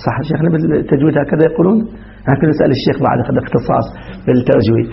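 A man's voice: a little high, racing, vocal fry, slight background noise. Man lecturing on grammar, lo-fi. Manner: explains step by step, asks the class "صح؟" often, repeats words. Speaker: teacher of Arabic grammar. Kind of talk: classroom lecture on grammar and recitation.

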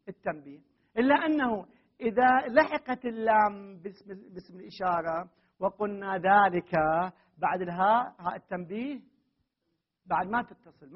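A man's voice: high-pitched, husky. A man teaching a grammar lesson to a class, reading a text aloud and often stopping to question and correct his students firmly. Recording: muffled, dull classroom recording.

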